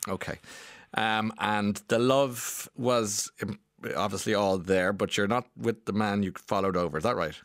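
Speaking a little slowly in a lowish voice, this morning radio host chats warmly with a caller and reads out texts from listeners. The recording is dry and studio quality.

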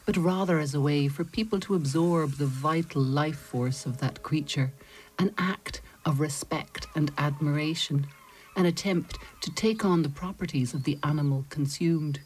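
Low-voiced woman narrating a nature documentary. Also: a little mellow, slightly rough, rough recording. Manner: measured storytelling delivery with deliberate pauses.

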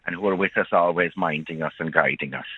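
A man's voice: low voice, quick pace. An Irish man telling folk tales on the radio with a lilting storyteller's delivery. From County Kerry, Ireland. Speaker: storyteller, radio phone-in guest. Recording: dull lo-fi phone-in on radio.

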